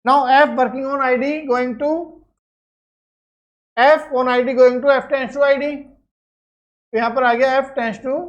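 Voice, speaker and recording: High-voiced woman teaching a lecture. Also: steady tone, very slow, pauses often, dull audio. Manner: explains step by step, checks with "clear?". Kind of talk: classroom lecture.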